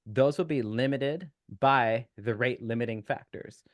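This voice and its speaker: A man's voice: medium pitch, a little slow, no room sound, highs cut off. Dry-sounding man explaining nutrition science. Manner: explanatory, technical, frequent fillers. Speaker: nutrition expert guest. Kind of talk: casual podcast interview.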